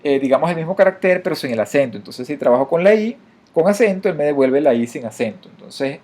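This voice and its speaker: A man's voice: fairly high pitch, animated, quick pace, darkish tone. Man explaining code in a tutorial. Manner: explanatory, frequent fillers and restarts, addresses viewers directly. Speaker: programming instructor. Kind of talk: screen-recorded coding tutorial.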